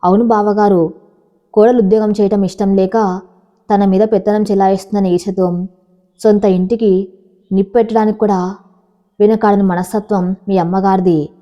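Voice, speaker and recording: A composed, resolute young wife who speaks in firm, measured words, read by a woman narrator. The tone is soft and mellow. The sound is dull and lo-fi. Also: medium pitch, fairly even intonation, close to an everyday voice.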